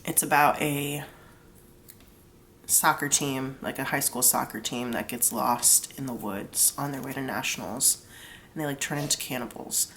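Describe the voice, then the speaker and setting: Her voice rumbles low, a bit bright, at a measured pace, with slight background noise. She's a young tarot reader with a cold-blocked nose, chatting casually and peppering her explanation of each pull with "like."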